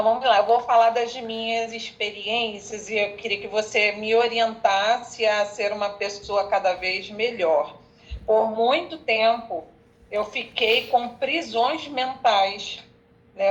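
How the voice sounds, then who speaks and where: Earnest woman on a dull call line. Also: fairly high pitch. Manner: earnest, measured, quotes scripture. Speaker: participant asking a question. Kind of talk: casual online group talk.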